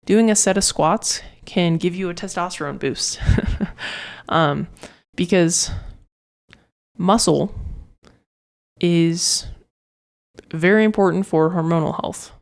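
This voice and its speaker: A woman's voice: fairly low pitch, takes it slowly, gravelly. A woman hosting her own fitness podcast, talking casually and rambling with lots of fillers and restarts. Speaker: fitness coach podcast host. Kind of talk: casual solo podcast talk.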